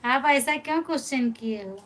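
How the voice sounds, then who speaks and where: A woman's voice: high-pitched, moderate pace, fairly bright tone, a little hiss or hum, poor audio. A woman from of that region, hosting a live stream and patiently greeting viewers by name while answering their comments. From Pratapgarh, Uttar Pradesh, India. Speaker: live-stream host and folk singer. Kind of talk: casual live-stream chat, reading viewer comments aloud.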